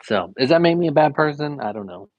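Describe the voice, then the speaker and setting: A young adult man who teaches art and streams variety content chats casually while drawing live at home, rambling easygoingly with lots of fillers. His voice sits a little high and is expressive and quick, captured in a lo-fi recording with no room sound.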